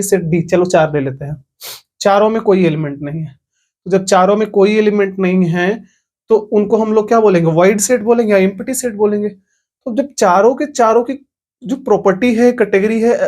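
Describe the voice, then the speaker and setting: This online maths lecture comes from a man whose high voice has a slightly mellow quality. He takes each point in steps and often asks if the class follows.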